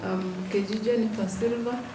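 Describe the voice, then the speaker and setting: A woman from Sudan, a journalist and activist introducing herself at a forum in a slow, measured way. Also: fairly high pitch, fairly even intonation. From South Sudan. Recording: echoey hall, mic at a distance, background noise.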